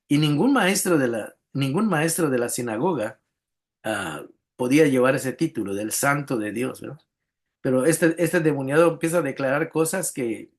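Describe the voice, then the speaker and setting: Man preaching in a conversational sermon. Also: medium pitch. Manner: conversational preaching, frequent "¿verdad?" tags and repeated words. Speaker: pastor.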